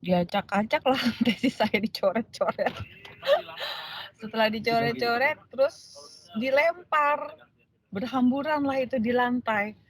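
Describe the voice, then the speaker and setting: A woman lecturer telling a personal story to her class in a lively way, acting out the voices of the people in it, with many fillers. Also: on the high side, moderate pace, poor audio. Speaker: law lecturer.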